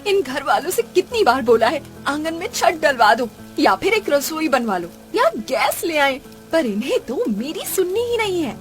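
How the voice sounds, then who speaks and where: An overworked young daughter-in-law complains with sharp indignation, and her high voice swings widely. It sounds like a kids' cartoon with light music underneath. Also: sing-song, moderate pace, hardly any pauses. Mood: fed up. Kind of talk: animated cartoon voice acting.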